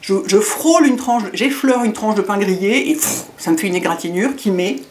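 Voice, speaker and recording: A middle-aged woman talks in a casual beauty-vlog style. She has a noticeable lisp with slushy s sounds and sits at a medium pitch. Her delivery rambles, with colloquial asides and light self-mockery. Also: lively intonation, normal speed, a little mellow. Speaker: beauty vlogger.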